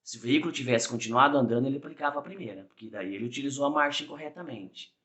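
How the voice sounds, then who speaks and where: A man's voice: medium pitch, very fast, fairly bright tone. A man with a Brazilian Portuguese accent, a driving exam instructor giving a conversational video lesson, often checking in with "tá?" and acting out small examples. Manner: conversational, frequent "tá?" tag questions; acts out examples with small voiced asides.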